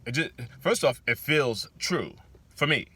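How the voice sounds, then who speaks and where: Animated man with a lively, bright voice. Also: measured pace, slightly rough. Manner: animated, swings into loud high mock-shouts; drawling, repeats words. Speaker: vlogger. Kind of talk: casual spiritual monologue.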